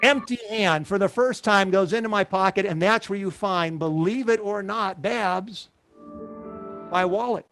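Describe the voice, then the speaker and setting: A man performing as a magician, building his stage patter step by step with deliberate repetition. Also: high-pitched, gravelly, a bit bright, faint music behind.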